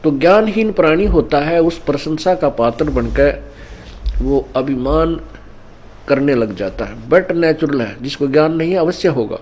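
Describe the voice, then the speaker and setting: A man giving a sermon at an ashram, teaching through parables and couplets. His voice is warm and mellow and sits fairly high for a man. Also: measured pace. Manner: didactic, mixing in scripture couplets and parables. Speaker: spiritual teacher. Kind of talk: Hindi sermon. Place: ashram gathering.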